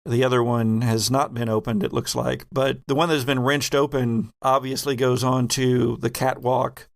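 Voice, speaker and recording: Here the game master of a tabletop horror roleplaying game is a man whose mid-range voice stays level in tone and has a creaky quality. His narration comes slowly and deliberately, halting at times, rich in vivid detail.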